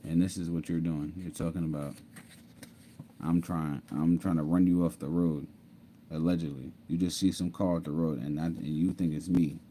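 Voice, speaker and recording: A man's voice: deep voice, fairly even intonation, moderate pace, mellow, a little hiss or hum. A man casually telling his own story to viewers, repeating himself, laughing and saying "mind you". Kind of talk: casual storytelling over screen share.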